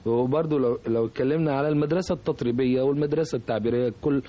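A man with an Egyptian accent, a composer being interviewed on radio, talking reflectively and pausing often to find his words. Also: mid-range voice, muffled recording. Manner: reflective, hesitant, searching for words. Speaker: composer, guest.

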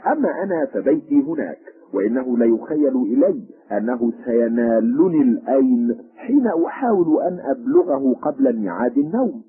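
A man's voice: mid-range voice, very animated, a little fast, pitched above the performer's own voice, lightly acted. A man voicing a sly, jovial male stranger with a raised, emphatic delivery, with a tinny phone-like sound.

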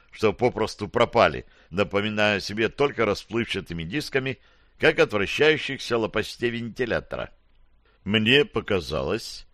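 A man's voice: on the low side, bright, forceful tone, no room sound, clean studio sound. A man reading a fantasy audiobook in the first person, with a wry, slangy storytelling manner. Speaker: audiobook narrator.

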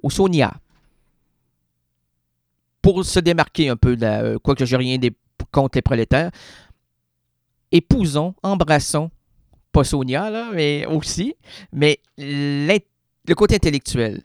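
A man's voice: fairly high pitch, lively intonation, a little slow, pauses often, dry recording. A man with a Québécois accent, a radio columnist delivering a rambling, theatrical, absurdist comedic monologue in a studio. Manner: theatrical, rambling, playful wordplay.

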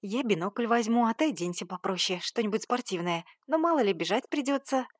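A woman's voice: mid-range voice, lively intonation, fairly quick, no room sound, studio quality, natural voice. A woman voicing a brash, nosy young female friend in an audiobook, talking bluntly and indignantly. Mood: scheming. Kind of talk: audiobook character voice.

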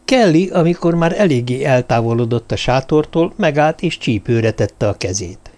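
A man narrating a suspense novel in a steady, measured audiobook reading. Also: medium pitch, slight background noise.

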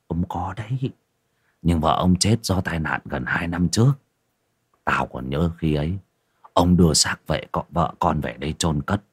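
A man voicing a gruff middle-aged male village pub owner, talking in a weary, grumbling, low and drawn-out way. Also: full character voice.

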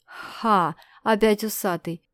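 A woman voicing a brash, menacing male stranger who mocks and threatens, loud and leering. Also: mid-range voice, fairly even intonation, slow pace, dry recording, natural voice. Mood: sneering.

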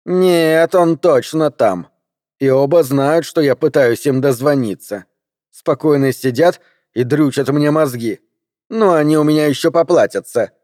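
A man reading aloud voicing a furious, sharp-tongued woman who snaps and mocks. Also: fairly high pitch, measured pace, no room sound, studio quality, lightly acted. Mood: seething. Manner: snapping and sarcastic.

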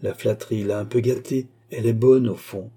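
A man's voice: fairly low pitch, fairly even intonation, normal speed, dark tone, slightly rough. A man reading aloud voices an earnest young officer pleading with his sister.

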